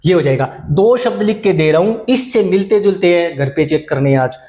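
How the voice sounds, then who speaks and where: A man's voice: high voice, expressive, moderate pace, dark tone, echoey room. A male English teacher giving an exam-prep vocabulary lesson, explaining in Hindi with English terms and often repeating words and checking "okay?" with students.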